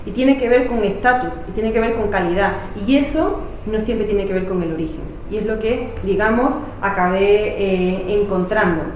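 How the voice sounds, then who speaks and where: A woman historian explains her research without a script, pausing on fillers and restarting her phrases. She sounds far from the microphone, in a strongly echoing room with a faint hiss of noise behind her. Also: mid-range voice, a little mellow. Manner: hesitant, many fillers and restarts. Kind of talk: spontaneous academic explanation.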